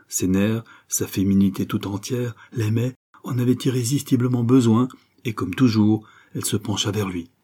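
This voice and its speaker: A man narrating a classic novel as an audiobook in a measured, expressive manner. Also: lowish voice, breathy edge.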